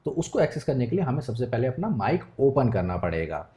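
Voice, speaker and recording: A man's voice: mid-range voice, sing-song, brisk, mellow, slight background noise. A man teaching a coding tutorial, explaining step by step and checking in with viewers often. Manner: patient step-by-step explaining, frequent check-ins. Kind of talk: screen-recorded coding tutorial.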